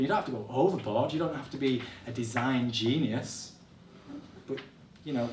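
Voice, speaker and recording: A man's voice: mid-range voice, far from the mic, slight background noise. Young male speaker, motivational classroom talk, direct and encouraging, mic set back in an echoey room. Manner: encouraging, direct, addresses audience as guys. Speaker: speaker giving a workshop talk. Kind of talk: motivational presentation to students. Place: college classroom or hall.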